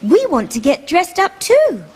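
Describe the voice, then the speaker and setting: A woman's voice: very high voice, huge pitch swings, measured pace, darkish tone, heavily acted. A woman voicing a cheerful, kindly female dinosaur for a young children's show, speaking in a sing-song, carefully enunciated way. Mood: friendly, organizing. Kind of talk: children's show character presenting to young viewers.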